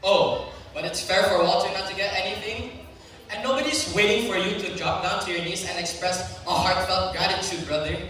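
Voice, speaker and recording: With fairly even intonation and a moderate pace, a high, sharp-toned teenage student actor needles his way through the role of a frustrated, resentful older brother on a school stage, drawling when irritated. The mic sits far off in an echoey, noisy hall.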